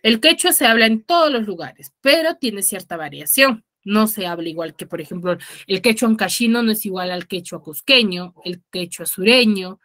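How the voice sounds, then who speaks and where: Speaking at a moderate pace in an expressive, fairly bright mid-range voice, this woman teaches secondary school in an online class. She has the Peruvian Spanish accent of Huaraz, Peru, comes through a video call microphone, and frequently checks with her students while explaining the lesson.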